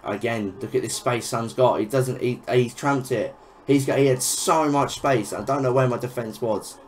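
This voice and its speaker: A man's voice: mid-range voice, moderate pace, a little hiss or hum. A young man giving casual, frustrated gameplay commentary, swearing and exclaiming over each goal. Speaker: gaming YouTuber.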